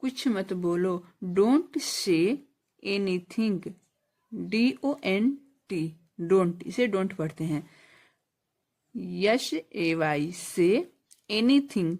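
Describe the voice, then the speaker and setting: A woman teaches at a very slow, deliberate pace and spells each word out letter by letter. She repeats short phrases several times and poses questions that she answers herself. Her voice sits at a middle pitch for a woman. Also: expressive, a little mellow. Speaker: English teacher. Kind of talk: slow spelling-out English lesson.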